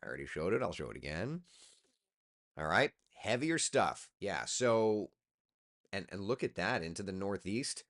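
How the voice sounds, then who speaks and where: Male TV meteorologist, tired, loose and chatty on a live stream; deep voice with a lively swing. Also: moderate pace. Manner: loose, chatty, talks to himself while working. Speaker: TV meteorologist hosting a live chat. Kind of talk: casual live-stream chat.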